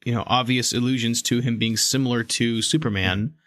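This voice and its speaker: A man's voice: mid-range voice, steady tone, brisk, fairly bright tone, no echo. Chatty man on a dry mic. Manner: enthusiastic, laughs often. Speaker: podcast co-host. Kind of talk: casual chat.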